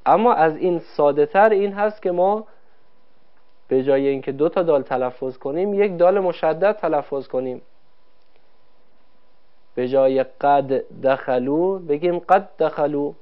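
A man teaching Quran recitation rules in a formal televised lesson, polite and explaining step by step with questions to viewers. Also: a little high. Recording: dull lo-fi broadcast audio.

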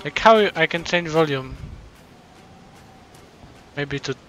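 A man streaming live and chatting casually, thankful and excited, often stumbling and repeating his words. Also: fairly high pitch, takes it slowly, rough recording.

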